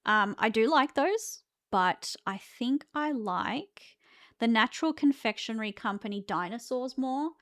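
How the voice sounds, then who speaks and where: A woman in her thirties with an Australian accent, talking to her live-stream chat in a relaxed, chatty way. Her voice sits a little high for a woman. She laughs a lot and often restarts her sentences mid-thought. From Victoria, Australia.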